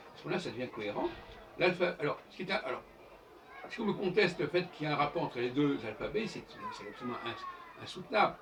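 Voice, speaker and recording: A man with a slightly high, somewhat bright voice hosts his own channel, delivering an informal lecture in a professorial style. He spells out examples letter by letter, recorded on a distant mic with faint background noise.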